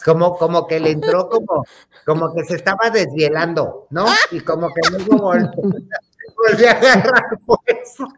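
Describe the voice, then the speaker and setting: A man's voice: sits high, a little slow, a crowd in the background. A man telling a gossip story in a campy, theatrical way, calling his listeners "hermanitas". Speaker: host.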